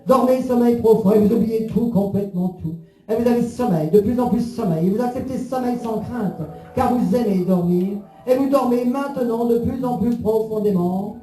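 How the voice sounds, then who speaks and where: A man's voice: very high voice, normal speed, dark tone. A man leading a guided hypnosis session in a soothing, repetitive, suggestive manner. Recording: roomy echo under music.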